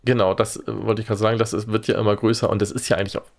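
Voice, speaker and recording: A man's voice: lowish voice, flat delivery, rapid-fire, vocal fry. A man talking casually on a podcast, wry and exasperated, using dry gallows humor. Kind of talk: casual chat.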